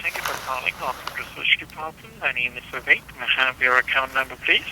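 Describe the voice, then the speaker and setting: A man's voice: medium pitch, quick pace, heavy background noise. A man with an Indian accent working as a call center agent, speaking politely and formally by the book over the phone. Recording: tinny telephone line.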